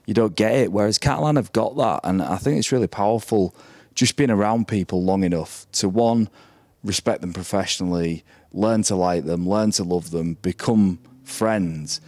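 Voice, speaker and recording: A man's voice: on the low side, normal speed, a little mellow, no room sound. A man who is a former player, talking bluntly and rambling as a pundit on a live podcast in a brewery taproom.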